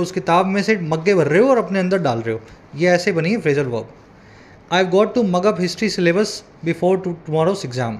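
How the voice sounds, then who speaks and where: Male tutor with a high voice. Chatty explainer who reads lines out slowly. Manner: explains with many asides and checks like "है ना". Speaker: English tutor. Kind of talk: Hindi-English newspaper reading lesson.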